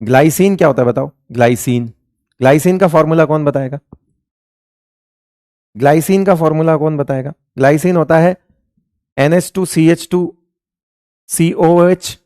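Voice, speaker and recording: A male chemistry teacher lecturing a class, firing the same question again and again before answering it himself. His voice sits a little high for a man, and he calls his students beta and raja. The sound is dry and close, with little room echo. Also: moderate pace, long pauses, a little mellow.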